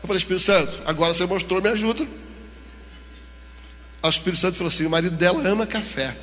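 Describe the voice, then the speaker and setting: A man's voice: high-pitched, rapid-fire, a little hiss or hum. A man with a Brazilian Portuguese accent preaching a sermon in a church, acting out dialogue as he tells stories. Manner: animated storytelling, acting out dialogue. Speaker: pastor. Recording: long church hall reverb.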